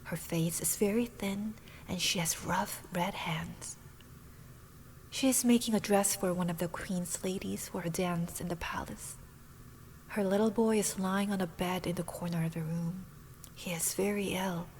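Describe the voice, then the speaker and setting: A woman voicing a sad young prince who is a golden statue, in a whispered role-play with a low, slow, sorrowful whisper. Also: fairly even intonation, darkish tone, a little hiss or hum, natural voice, low-quality recording.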